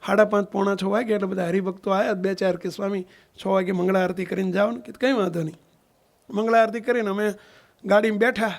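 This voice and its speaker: Swami preacher, man, storytelling sermon, checks the crowd often, raspy creaky edge. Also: high-pitched, steady tone, quick pace. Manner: keeps asking the listeners "understood?"; acts out the voices of people in his stories. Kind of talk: sermon storytelling in a Gujarati satsang.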